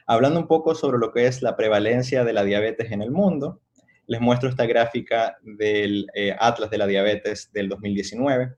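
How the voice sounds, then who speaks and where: A middle-aged man from Chile, a doctor giving an online medical lecture in a measured, explanatory way with frequent hesitations. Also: fairly low pitch. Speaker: doctor, endocrinologist.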